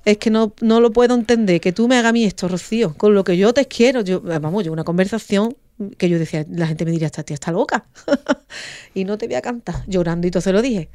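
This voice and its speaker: A woman's voice: medium pitch, quick pace, no echo. A woman, a radio guest telling an emotional story and acting out the quoted voices. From Andalusia, Spain. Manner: animated, acts out quoted dialogue.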